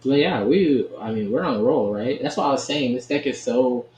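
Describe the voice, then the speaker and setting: During a card game, a gaming channel host keeps up casual, chatty commentary, laughing often and asking "right?". He talks a little fast at a medium pitch with a slightly mellow voice, and the echoey room has faint ambient noise.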